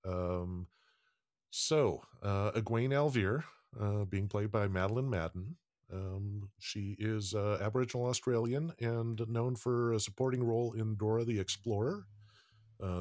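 A man's voice: on the low side, a little mellow, no echo, clean studio sound. A man hosting a casual podcast panel, talking with many ums and restarts. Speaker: podcast host.

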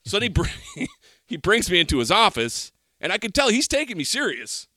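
A man's voice: sits high, huge pitch swings, moderate pace, bright, forceful tone, no room sound, clean studio sound. A middle-aged man, telling a rambling, profane story as a podcast co-host. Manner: rambling, profane, exaggerated rants. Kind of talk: casual chat, storytelling.

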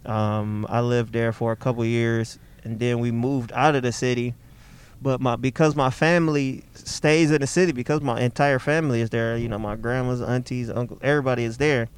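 A young comedian from the Detroit area of Michigan chats casually as an interview guest, animatedly telling stories, acting out the voices of the people in them and laughing often. His voice is mid-range and smooth, at a normal speed.

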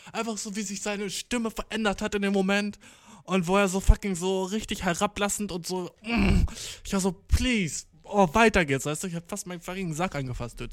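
In a clean studio take with no echo, a young man with a somewhat high voice relates a casual anecdote. He swears a lot, uses slang, ends lines with "ne?", and acts out the people he quotes as he tells the story.

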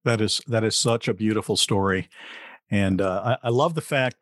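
A man's voice: lowish voice, moderate pace, a bit bright, dry recording, clean studio sound. A man hosting an interview, affirming his guest's story and asking open follow-up questions. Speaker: host.

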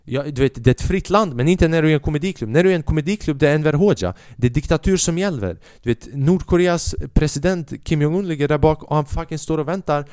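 Profane, animated young man telling stories. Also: a little high, hardly any pauses, clean tone, no room sound, studio quality. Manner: profane, animated, acts out other people's voices. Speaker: podcast host and stand-up comedian. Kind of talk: solo comedic storytelling.

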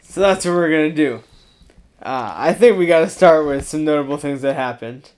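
A man's voice: on the high side, normal speed, darkish tone. A young man co-hosting a podcast, chatting casually late at night and laughing easily. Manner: chuckling, easygoing. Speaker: podcast co-host.

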